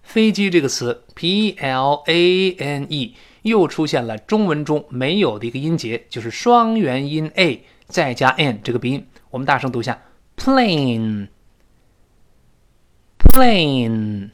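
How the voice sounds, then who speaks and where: A male English teacher speaks, his pitch sitting a little high and swinging widely as he explains. He breaks English phrases into slow, repeated drills, and sometimes acts out a quoted line in an excited voice. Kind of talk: spoken English lesson.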